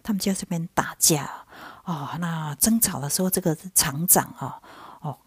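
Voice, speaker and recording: A woman's voice: sits low, moderate pace, slightly rough, no room sound. A woman casually retelling the plot of a stage musical, full of fillers, slipping into the characters' lines as she goes. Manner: loose, chatty retelling with many fillers, acting out quoted lines. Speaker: podcast host.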